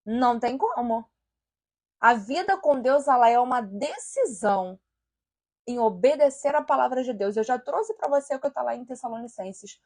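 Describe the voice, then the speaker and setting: A woman preaching an earnest sermon to her followers, at times voicing quiet sample prayers. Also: on the high side, lively intonation, normal speed. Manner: earnest, slips into softly spoken sample prayers. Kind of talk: sermon-style video exhortation.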